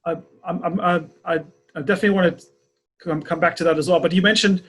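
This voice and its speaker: A man hosting a podcast, speaking haltingly and repeating words as he searches for the right phrasing in a reflective conversation. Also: high-pitched, steady tone, fairly bright tone. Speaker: podcast host.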